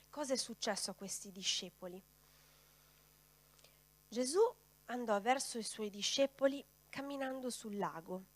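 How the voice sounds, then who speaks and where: A woman preacher delivering a sermon, putting rhetorical questions straight to her congregation. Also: mid-range voice.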